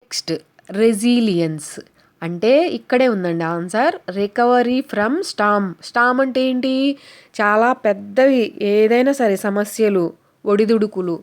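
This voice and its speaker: A woman teaches vocabulary, a first-language Telugu speaker. Her pitch sits in the middle. She spells out example sentences slowly and keeps asking whether her viewers have understood. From Telugu-speaking India. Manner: keeps checking understanding with the listener; slow, careful reading of English example sentences. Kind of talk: explaining lesson to viewers.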